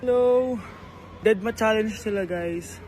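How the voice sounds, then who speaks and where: A woman's voice: on the high side, slow, darkish tone, a little hiss or hum. Anxious chatty woman vlogging. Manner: anxious, chatty, addresses viewers. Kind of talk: travel vlog. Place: outdoors in city streets and subway.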